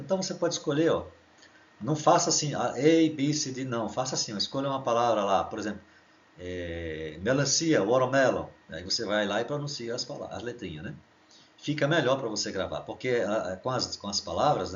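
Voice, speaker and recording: Low-voiced Brazilian man teaching English. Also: muffled recording. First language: Portuguese. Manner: explains at length with frequent "né?" and slow spelled-out examples. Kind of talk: online English lesson.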